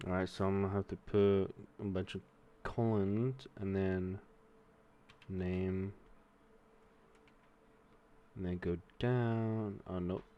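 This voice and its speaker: Sitting low with fairly even intonation, this voice moves slowly and pauses often, smooth though the audio is dull. It belongs to a young Mexican-American-accented streamer who curses casually and thinks aloud as he types his way through coding exercises while learning to code.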